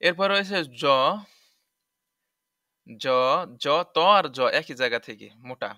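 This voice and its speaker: A man's voice: a little high, animated, takes it slowly, sharp tone, no room sound, studio quality. A Bangladeshi man teaching letter sounds for Quran reading, patiently drilling syllables again and again. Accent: Bangladeshi Bengali.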